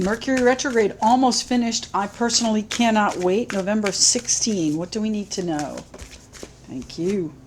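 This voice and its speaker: A woman giving a solo tarot reading to camera, musing gently and repeating her phrases, a little choked up. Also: medium pitch, slight background noise, poor audio. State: slightly choked up, clearing throat. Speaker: tarot reader.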